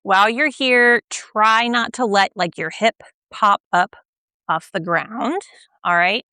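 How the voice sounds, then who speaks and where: A young woman guiding a stretching routine, gentle and patient, often checking in with the listener and a little out of breath as she stretches along. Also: medium pitch, slow, no room sound. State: slightly out of breath while stretching. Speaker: stretching instructor. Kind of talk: guided exercise instruction.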